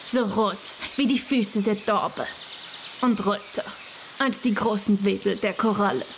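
A woman's voice: mid-range voice, noisy background, natural voice. A woman voicing a sorrowful frost-bitten rose bush. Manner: subdued, slow, solemn.

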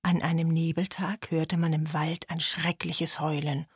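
Breathy woman reading a kids' story. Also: deep voice, a little slow, no room sound, clean studio sound. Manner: expressive, with soft whispered passages.

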